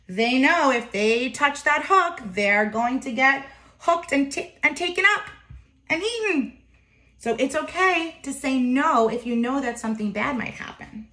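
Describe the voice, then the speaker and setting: A woman in her thirties with a high-sitting voice, pushed and bright, reads a picture book aloud to small children with lots of expression. She adds simple explanations as she goes. The recording takes place indoors in a home kitchen and sounds roomy and echoey.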